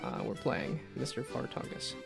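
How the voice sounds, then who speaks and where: Creaky-voiced man rambling on a livestream. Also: fairly low pitch, wildly swooping pitch, normal speed, loud music behind the voice. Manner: rambling, often trails off mid-thought. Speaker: livestreamer host. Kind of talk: casual livestream chat while playing games.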